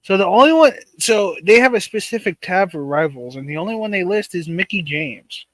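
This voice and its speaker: Higher-pitched man in casual podcast chat. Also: expressive, a little fast, fairly bright tone, no room sound. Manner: rattles off lists of names with many fillers. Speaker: wrestling podcast co-host. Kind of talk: casual chat on a live stream.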